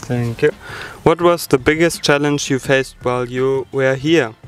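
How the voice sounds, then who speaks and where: A young man from Germany, a native German speaker, talking in a thoughtful, measured way about volunteering. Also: mid-range voice, clear, resonant tone. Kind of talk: casual group chat.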